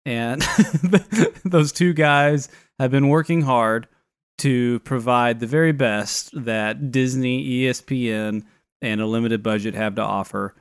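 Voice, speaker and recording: A man's voice: mid-range voice, fairly even intonation, measured pace, smooth, dry recording, clean studio sound. A man co-hosting a casual podcast chat, talking in a wry, wordy, mock-formal way with a facetious streak. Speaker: fantasy football podcast co-host.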